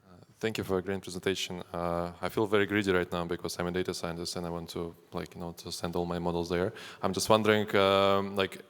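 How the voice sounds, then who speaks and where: Man, audience question, flat intonation, rapid, hesitant phrasing, reverberant hall. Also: deep voice, clear, resonant tone. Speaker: audience member, data scientist. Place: large hall at a live event.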